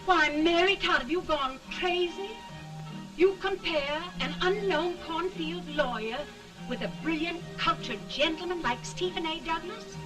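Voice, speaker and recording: An actress in an early talkie film playing an excitable, fussy, status-minded sister, on an old film soundtrack. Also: female voice, very high-pitched, a little slow, over music. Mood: excited, fussy. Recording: 1930 film soundtrack, distant mic.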